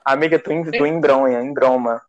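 A man's voice: mid-range voice, steady tone, brisk, lo-fi sound. A man hosting a casual podcast chat, teasing and prodding his co-host.

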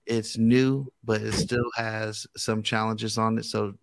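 An American man hosts a gospel radio interview, keeping the chat informal, encouraging and full of slang. His lowish, creaky voice moves little in pitch and he takes his time. The recording is dry.

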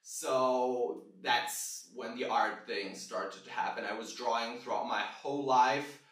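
A man's voice: medium pitch, fairly even intonation, slow, a bit bright. Rambling, self-mocking man in echoey room. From Brazil. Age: 30s. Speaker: podcast host. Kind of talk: casual podcast monologue. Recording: echoey room, distant mic, music behind.

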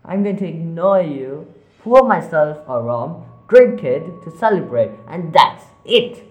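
A man doing a frazzled, shouting editor. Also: animated, unhurried. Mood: exasperated. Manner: loud, exasperated, raised pitch. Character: stressed young-ish male book editor, jumpy. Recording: roomy echo.

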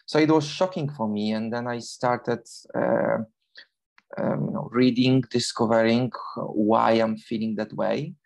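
A man's voice: mid-range voice, steady tone, a little slow, gravelly, darkish tone. A man in his forties from Poland with a Polish accent, a guest in an interview who talks casually with many fillers and restarts. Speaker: guest, long-distance runner.

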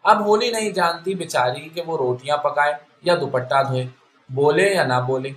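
A man narrating a literary short story in a steady, measured reading style. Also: a little high. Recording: echoey room.

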